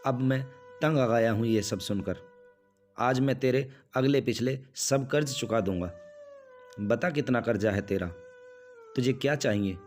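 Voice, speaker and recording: A man's voice: medium pitch, darkish tone, natural voice. A man voicing an impatient grown son in a spoken story, sounding complaining.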